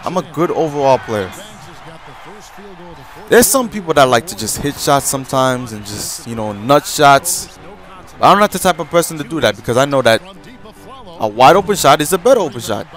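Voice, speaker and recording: A man's voice: medium pitch, sing-song, moderate pace, pauses often, fairly bright tone. A young man telling a rambling story in a casual vlog, with lots of restarts and a sore throat, as a gaming YouTuber.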